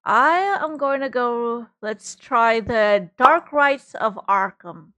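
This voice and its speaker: Young woman streamer, casual game commentary, chatty reactions, higher-pitched voice. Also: lively intonation, takes it slowly, sharp tone, soft background music. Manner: chatty, reacting as she plays.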